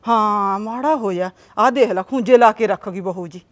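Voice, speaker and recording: A woman playing a loud, gossipy, scolding mother-in-law in a village comedy drama. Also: medium pitch, moderate pace, natural voice.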